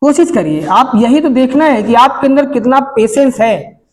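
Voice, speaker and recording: A middle-aged man with a north Indian accent lectures a classroom of students. His voice sits high for a man as he moralizes earnestly and throws rhetorical questions at the class. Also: lively intonation, normal speed, a little mellow. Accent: Hindi, north Indian. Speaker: coaching teacher. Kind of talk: classroom life advice talk. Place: coaching classroom.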